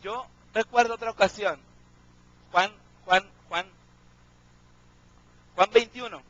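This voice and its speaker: A man's voice: sits high, slow pace, a bit bright, lo-fi sound. A man preaching a sermon, often asking his congregation questions and checking in with them.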